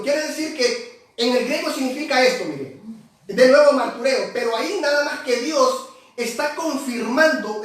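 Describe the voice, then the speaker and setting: High-voiced preacher in an echoey hall. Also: male voice, fairly bright tone. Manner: explains word by word, addresses listeners as brother. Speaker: pastor. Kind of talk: sermon. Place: church hall. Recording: very echoey hall, far from the mic.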